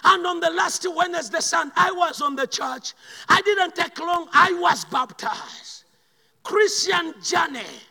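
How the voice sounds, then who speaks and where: A man from Uganda with a Ugandan accent preaching a sermon, swinging between loud shouted bursts and quiet slow asides. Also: very high-pitched, gravelly, big-room sound.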